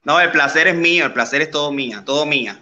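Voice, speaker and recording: A man's voice: fairly high pitch, quick pace, bright, forceful tone. A man voicing a brash, flirty single Cuban woman in her late twenties, with a Cuban accent and a boastful, playful manner over a video call. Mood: sassy.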